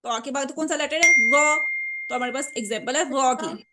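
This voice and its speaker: A woman teaching Quran recitation in a lesson, patiently repeating words slowly for her pupils, speaking words. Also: sits high, heavy background noise. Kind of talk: online tajweed lesson.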